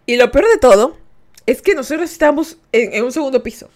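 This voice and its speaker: A young woman from Ecuador, hosting a podcast and telling a story to listeners in a casual, animated way. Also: high-pitched, brisk. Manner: animated, acts out voices and laughs while telling. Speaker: podcast host.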